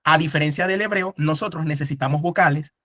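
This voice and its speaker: Man, teacher, casual classroom lecture, rhetorical questions, fairly high voice, dry close sound. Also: fast talker, a bit bright, dry recording.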